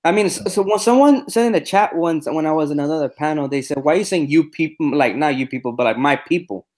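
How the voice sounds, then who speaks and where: A man with a Mexican Spanish accent talks loosely in a casual panel chat. His voice sits fairly high, and he trips over his words and starts again. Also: expressive, fast, a little mellow. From United States. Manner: rambling, restarts often. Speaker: host.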